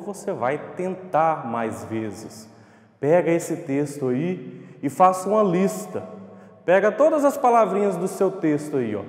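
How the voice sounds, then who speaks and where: A male primary school teacher with a Brazilian Portuguese accent gives a recorded remote class. He draws out syllables slowly and speaks in an encouraging way. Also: fairly high pitch, darkish tone. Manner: slow, drawn-out syllables when spelling words, encouraging. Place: classroom with a whiteboard. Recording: echoey classroom with long reverb.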